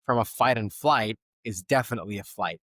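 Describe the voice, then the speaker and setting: A man's voice: lowish voice, brisk, fairly bright tone, dry recording, clean studio sound. Thoughtful man hosting a podcast. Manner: thoughtful, searching, many fillers and restarts. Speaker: podcast host. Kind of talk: conversational podcast talk.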